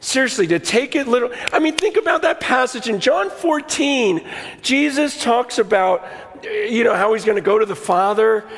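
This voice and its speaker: High-voiced preacher in a reverberant hall. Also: male voice, moderate pace, a little hiss or hum. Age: 50s. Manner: animated, swings between hushed and shouting. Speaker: pastor. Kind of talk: sermon storytelling. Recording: long reverb of a large hall.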